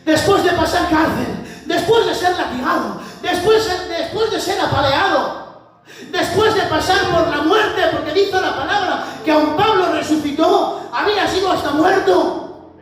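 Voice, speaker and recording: Fervent preacher in echoey church. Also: male voice, extremely high pitch, unhurried. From Spain. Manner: impassioned, rising to shouts, addresses the church directly. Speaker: visiting preacher. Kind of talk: fervent sermon. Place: church hall. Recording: very echoey church hall, far from the mic, music behind.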